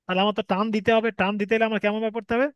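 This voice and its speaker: A man's voice: sits high, level tone, rapid-fire, clean tone, no echo, muffled recording. A man with a Bengali accent teaching Arabic letter reading, patiently explaining step by step and stretching sounds to demonstrate. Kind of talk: online Quran reading lesson.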